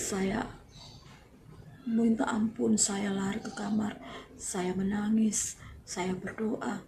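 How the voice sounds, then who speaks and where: A married woman gives a personal faith testimony, speaking slowly in short, halting phrases. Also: medium pitch, vocal fry, noisy background. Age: adult, married with family. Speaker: church member giving testimony.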